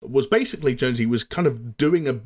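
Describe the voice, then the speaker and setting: This podcast co-host, a young adult man, has a medium-pitched, darkish voice and talks fast. He keeps the casual gaming conversation flowing, fluently guiding it with easy transitions.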